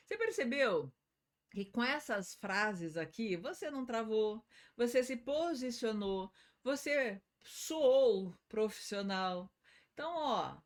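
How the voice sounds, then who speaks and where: A woman with a Brazilian Portuguese accent teaching an English lesson, saying short English phrases slowly for learners to repeat and urging them on in quick Portuguese. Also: medium pitch. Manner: slow, spelled-out English model phrases between quick Portuguese prompts; lively, encouraging teacher cues. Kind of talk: online lesson with repeat-after-me drills.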